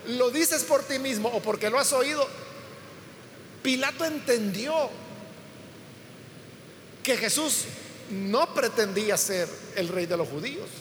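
This preacher's voice is extremely high in pitch with a fairly bright tone. He teaches a Bible passage step by step, performing the quoted dialogue with emphasis, in a recording with hall reverb and faint room noise.

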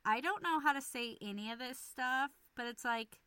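A young woman co-hosting a podcast, chatting casually, blunt and animated, swearing freely as she tells stories. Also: sits high, normal speed, slight background noise. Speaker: podcast co-host. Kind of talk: casual chat.

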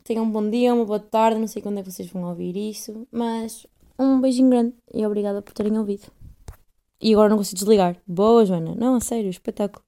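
A woman's voice: medium pitch, steady tone, quick pace, warm tone. A woman in her twenties with a European Portuguese accent, hosting a solo podcast in a rambling, self-deprecating casual monologue. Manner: rambling and self-deprecating, heavy use of fillers. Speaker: podcast host.

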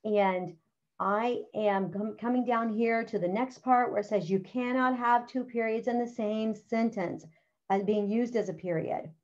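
A woman's voice: fairly high pitch, unhurried. A middle-aged woman teacher talking other teachers through a writing lesson, practical and chatty, often saying "all right" and "okay". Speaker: teacher presenting a writing curriculum. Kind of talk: instructional walkthrough. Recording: slightly dull, lo-fi sound.

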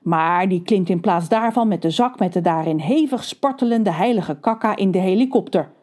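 A woman narrating a children's story in a lively, expressive way. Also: medium pitch, normal speed.

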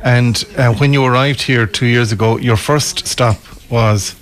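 A man's voice: medium pitch, steady tone, unhurried. A man with an Irish accent presenting a conversational live radio interview, chatty and folksy in his turns of phrase.

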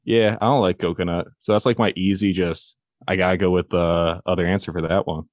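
A man's voice: sits low, steady tone, fairly quick, no room sound, studio quality. A man chatting on a casual podcast in an offhand, jokey, laid-back way.

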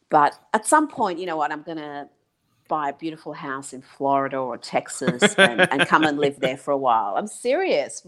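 A woman's voice: low voice, fairly bright tone. A woman raised in Iran, chatting as a guest in a casual remote conversation, often breaking into laughs.

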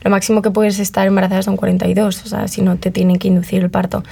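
A woman's voice: medium pitch, level tone, quick pace, gravelly, mellow, husky. Chatty young Spanish woman. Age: 20s. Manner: chatty, uses many fillers, acts out quoted remarks. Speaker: interview guest. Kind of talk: casual conversational interview.

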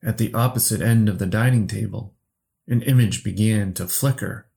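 A man narrating a horror story slowly and steadily for a podcast. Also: lowish voice, creaky, warm tone. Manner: slow, measured storytelling.

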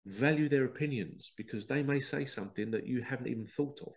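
In this casual spiritual monologue, a stuffed-up podcast host with a head cold wanders from thought to thought, often voicing quoted conversations. His pitch is medium and his delivery fairly quick.

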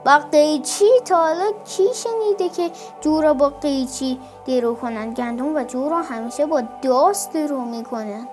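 A woman reading the lines of a patient older village man who reasons and grows exasperated, in a high voice. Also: few pauses, darkish tone, faint music behind, close to an everyday voice.

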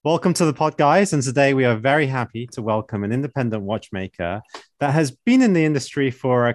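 In a dry recording, a man with a medium-pitched voice co-hosts a podcast and puts friendly questions to his guest. He frequently adds "like" and "right?" throughout the hosted interview.

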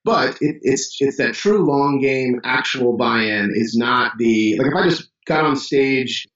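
A man from Chicago with a Chicago accent, a business owner telling stories as a guest in a casual interview, animated and full of restarts. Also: mid-range voice, slow pace, roomy sound, distant mic, highs cut off. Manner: animated storyteller, many restarts and fillers.

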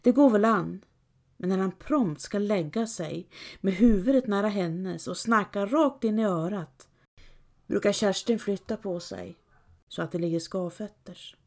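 A woman narrating a novel excerpt in a calm, measured reading. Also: mid-range voice. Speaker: audiobook narrator. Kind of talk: scripted narration.

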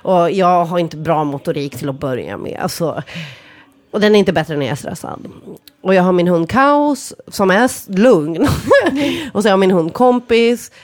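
Animated woman telling a comic story. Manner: animated, swears freely, laughs often; acts out quoted voices with big pitch jumps.

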